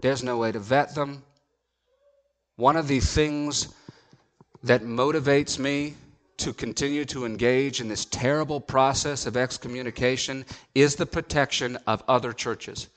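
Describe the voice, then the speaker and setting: A man's voice: mid-range voice, steady tone, measured pace, fairly bright tone. A man, a pastor, telling a story from the pulpit in an earnest, emphatic sermon.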